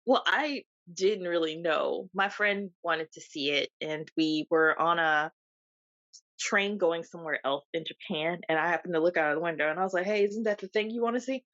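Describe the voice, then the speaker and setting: On the low side and fairly bright in tone, this woman's voice moves at normal speed with no room sound, though the recording is dull and lo-fi. She co-hosts a podcast, telling stories in casual chat and laughing frequently.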